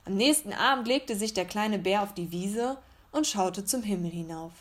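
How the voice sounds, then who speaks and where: A woman reading a children's bedtime story aloud in a calm, measured way. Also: medium pitch.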